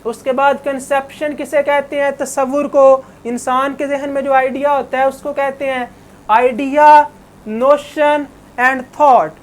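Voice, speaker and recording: A woman's voice: sits high, level tone, unhurried. A woman giving an online English lesson, patiently explaining words and correcting pronunciation. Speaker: English teacher. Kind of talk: online classroom lecture.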